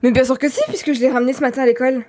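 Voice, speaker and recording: Woman streamer, French accent, high-ish and theatrical, live role-play. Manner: animated, dramatic, quick swings in loudness.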